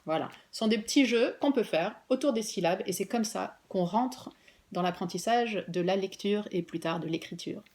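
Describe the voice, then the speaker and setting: A woman preschool teacher giving a remote lesson to parents and children, patiently clapping out syllables and stretching words slowly. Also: medium pitch, darkish tone.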